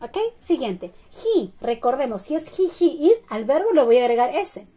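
A woman English teacher giving a slow bilingual classroom lesson, drilling each phrase and checking in with "okay?" and "right?". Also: high voice, sing-song, dark tone, husky. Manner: slow, deliberate drilling with frequent "¿ok?" and "¿verdad?" checks.

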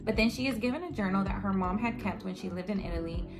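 A young woman in her twenties, a book vlogger, chats casually about her book haul from her bedroom while music plays in the background. Her medium-pitched voice is a bit hoarse and raspy, since she lost it yelling at a concert. She talks fast, reads blurbs aloud, and fills her speech with "like" and "um."

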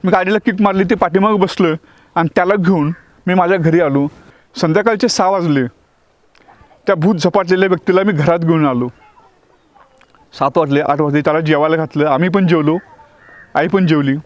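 A man with a notably high voice tells a personal story, acting out the dialogue and often breaking off to restart a phrase. The sound is close and dry, with no room around it. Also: brisk, long pauses, no room sound. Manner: vivid, re-enacts dialogue with frequent restarts. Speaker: acting teacher recounting a devotional experience.

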